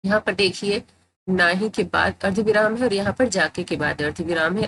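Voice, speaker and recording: A woman teaching Hindi grammar in a tutorial, explaining patiently and repeating phrases to make each point clear. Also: on the low side, low-quality recording.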